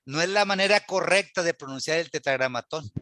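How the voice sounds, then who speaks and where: High-voiced, bright man teaching. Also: a little fast, dry recording. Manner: earnest, rhetorical questions, quotes scripture aloud. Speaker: Bible Hebrew teacher. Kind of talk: church class lecture.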